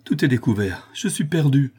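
Man putting on a frightened young woman, high and breathy, desperate, storybook reading. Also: lively intonation, normal speed, dark tone. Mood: terrified. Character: terrified young woman, the father's daughter.

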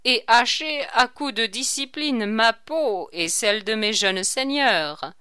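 A woman's voice: on the high side, animated, slow, sharp tone, clear, resonant tone, no room sound, clean studio sound, heavily acted. A woman reading aloud, voicing a frightened, pious male king who speaks anxiously and solemnly. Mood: fearful.

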